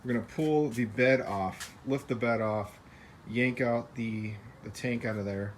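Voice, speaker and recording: A man's voice: medium pitch, a little slow. American man vlogging, faint background noise. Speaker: car build vlogger. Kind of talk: casual unscripted walkaround update. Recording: faint vehicle and ambient noise.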